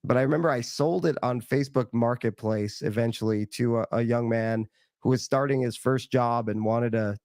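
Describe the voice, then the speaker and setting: A man's voice: mid-range voice, normal speed, a little mellow, no room sound, studio quality. A man chatting casually as a guest, easygoing and a bit hesitant, with lots of "like" and restarts. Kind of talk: casual chat.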